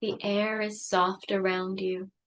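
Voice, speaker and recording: A woman leading a guided meditation, speaking softly and soothingly with long pauses. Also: medium pitch, level tone.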